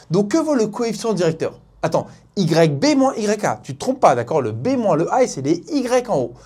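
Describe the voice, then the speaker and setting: A woman's voice: medium pitch, dark tone, husky. A woman with a Norman French accent teaching a math lesson, playful and speaking directly to the student.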